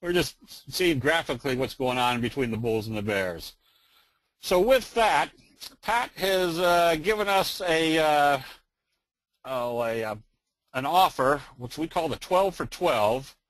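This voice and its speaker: A man's voice: on the high side, expressive, measured pace, fairly bright tone, dry recording, rough recording. A man giving a casual, joking trading lesson in a webinar, full of fillers. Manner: folksy, joking, many fillers. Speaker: trading instructor.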